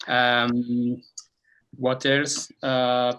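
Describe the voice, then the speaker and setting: A man with a French accent talks slowly through his English, pausing often and restarting sentences. His voice is bright and forceful at a middle pitch. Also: monotone, clean tone, poor audio. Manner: halting, searching for English words. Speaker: winemaker. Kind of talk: online tasting talk.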